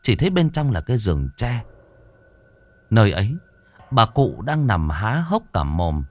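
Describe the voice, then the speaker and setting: A man narrating a horror story in a dramatic, expressive way. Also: fairly low pitch, measured pace.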